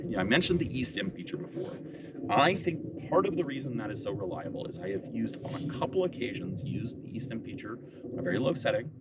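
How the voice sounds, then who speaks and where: A man on his ranch, casually explaining how he trains his dog, with bursts of high praise for the dog. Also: distant mic, heavy background noise. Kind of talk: casual vlog narration and dog commands. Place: outdoors on a ranch.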